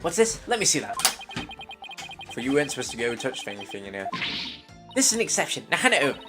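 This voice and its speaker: A man's voice: medium pitch, sing-song, fast, over music, lightly acted. A man voicing a haughty, commanding young princess while reading game dialogue aloud. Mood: imperious.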